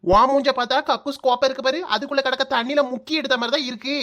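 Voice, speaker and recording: A woman's voice: high voice, fairly even intonation, rapid-fire, a bit bright, highs cut off. A woman voicing a cheeky, lazy young daughter-in-law in a comic cartoon, teasing her in-laws in a Kanyakumari Tamil accent. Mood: insulting. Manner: teasing, mocking, brash.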